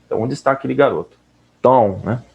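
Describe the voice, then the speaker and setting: A man teaching English listening in a casual, relaxed way, often checking in with the listener. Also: mid-range voice, fast talker, creaky, lo-fi sound. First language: Portuguese. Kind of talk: casual explanatory lesson.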